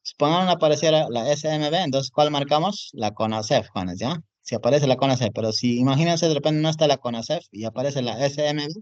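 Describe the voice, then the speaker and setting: A fast-talking man with a fairly high voice and few pauses runs an online class, typing on screen while explaining. He frequently checks on the students with repeated "jóvenes" and "¿no es cierto?" The recording is dull and dry.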